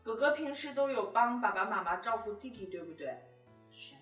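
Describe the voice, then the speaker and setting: A woman's voice: on the high side, lively intonation, brisk, fairly bright tone, soft background music. A woman hosting a podcast, chatting playfully with a small child in coaxing, sing-song questions. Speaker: podcast host. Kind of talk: playful chat with a young child.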